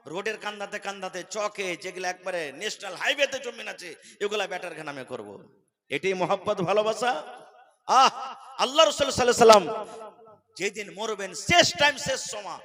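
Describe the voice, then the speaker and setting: A preacher a high, ringing voice delivers a sermon. He drops to quiet, low-key talk, then climbs into loud, stretched-out chanted lines. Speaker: preacher at a religious gathering. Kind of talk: sung, rising sermon storytelling.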